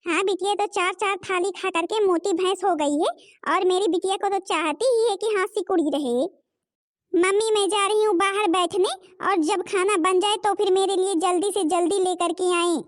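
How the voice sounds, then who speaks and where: A woman voicing a spoiled, rude young stepsister in an animated cartoon, whiny and demanding. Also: very high-pitched, normal speed, dry recording, studio quality.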